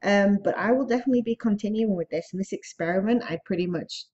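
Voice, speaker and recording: A woman's voice: medium pitch, quick pace, darkish tone, highs cut off, a little hiss or hum. A pregnant woman chatting casually to camera as an online reseller, upbeat and a little out of breath, with frequent ums and small laughs. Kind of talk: casual vlog talk to camera.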